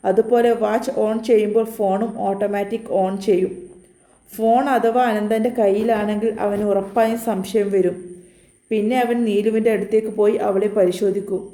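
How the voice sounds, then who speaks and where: A woman voicing a calm young man who explains a rescue plan in a steady, reassuring way. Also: medium pitch, moderate pace, roomy sound, natural voice.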